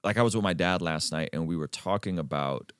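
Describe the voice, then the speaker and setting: A man from Azerbaijan hosting a podcast conversation, talking emphatically and leaping up in pitch to stress his points. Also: a little fast, fairly bright tone, clean tone, dry recording, studio quality. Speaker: podcast host.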